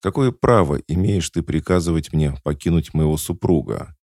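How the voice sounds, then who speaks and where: A man with a gravelly voice reading the lines of a desperate, loving young woman who speaks in a trembling, pleading voice. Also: rumbling low, expressive, normal speed, a little mellow, dry recording, clean studio sound, full character voice.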